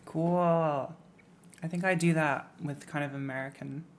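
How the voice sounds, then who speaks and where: In casual livestream chat, a young English woman speaks in a low-pitched, steady, unhurried voice. She rambles, using lots of fillers like "like" and "um," and launches into playful rants.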